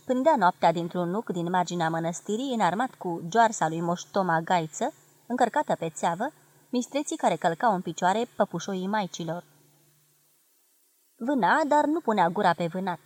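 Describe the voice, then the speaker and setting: A woman from Romania giving a measured, expressive literary reading of a memoir. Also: medium pitch, no echo. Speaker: reader of a memoir.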